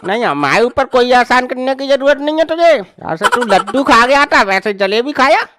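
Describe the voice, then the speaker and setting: A woman's voice: high voice, big pitch swings, moderate pace, fairly bright tone, a little hiss or hum. A woman voicing a stingy, touchy old village uncle in a cartoon comedy, grumbling and argumentative.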